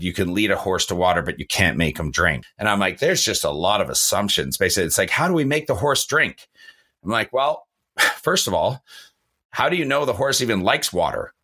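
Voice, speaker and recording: A man's voice: sits low, sharp tone. A man, the show's host, chatting casually, telling anecdotes and asking playful rhetorical questions. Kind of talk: casual chat.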